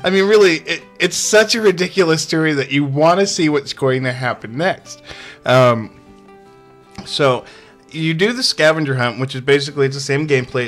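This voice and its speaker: A man's voice: medium pitch, a bit bright. Laughing male game reviewer over faint music. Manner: amused, keeps breaking into laughter; sarcastic, chatty with many fillers.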